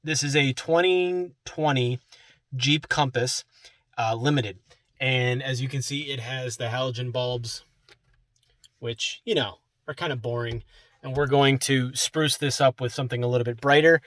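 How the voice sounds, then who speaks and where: A man's voice: mid-range voice, a little slow, no room sound. Man, young adult, casual tutorial host, chatty, talking inside a car while he works. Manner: relaxed, chatty, talks while working with hands. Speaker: car how-to video host.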